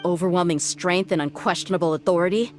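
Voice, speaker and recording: A woman's voice: on the low side, fast talker, soft background music, lightly acted. A woman voicing a tough, blunt young desert mercenary in a video game, speaking assertively. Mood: confused, subdued.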